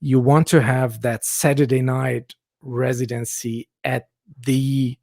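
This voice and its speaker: A man's voice: mid-range voice, slow pace, no echo. Man in his forties, dry sound. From Germany. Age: 40s. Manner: relaxed storytelling, laughs often. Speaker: guest DJ. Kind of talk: casual chat.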